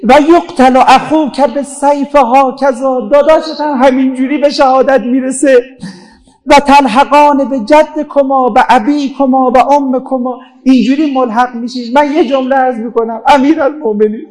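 A male preacher giving a mourning sermon, weeping as he speaks and chanting Arabic passages slowly. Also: very high voice, steady tone, a little mellow, low-quality recording.

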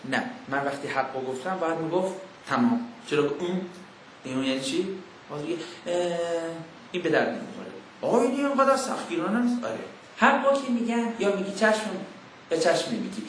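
A man's voice: high-pitched, expressive, a bit bright, a little hiss or hum. Emphatic male preacher in an echoey hall. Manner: emphatic, rhetorical questions, acts out mock dialogues; intones Quranic verses slowly. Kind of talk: sermon to a young audience. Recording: very echoey room.

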